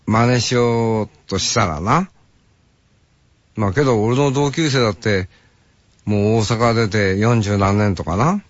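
Slow, musing older radio man. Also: fairly low pitch, dry recording. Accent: Hokkaido. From Hokkaido, Japan. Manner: slow, musing, talks to himself and mimics greetings. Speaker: radio host. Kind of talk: casual radio monologue. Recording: dull lo-fi broadcast sound.

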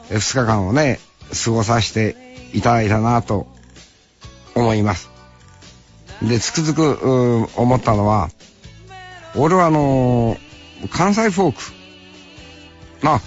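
A man from Hokkaido, a musician, rambling casually on the radio with rough, folksy speech. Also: mid-range voice, dull audio. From Hokkaido, Japan. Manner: rambling, folksy, drops rough sentence-final particles. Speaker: musician talking after concerts.

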